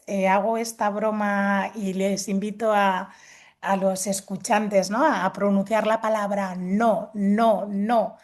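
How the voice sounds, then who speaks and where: A woman's voice: mid-range voice, a little mellow. A woman, a guest expert patiently explaining assertiveness techniques and acting out example dialogues. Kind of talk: explanatory talk with acted examples.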